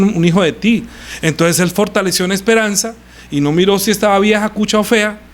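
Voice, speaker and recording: A middle-aged pastor preaches in a church, his voice sitting a little high for a man. He talks to the congregation in a conversational way, tossing them rhetorical questions. A faint ambient hum runs underneath. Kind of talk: sermon.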